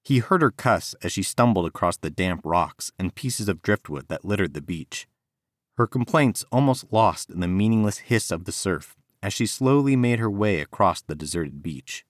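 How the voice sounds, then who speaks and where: A man narrating an audiobook in a measured storytelling manner, recorded on a studio mic. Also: low-pitched, expressive, no room sound. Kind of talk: scripted narration.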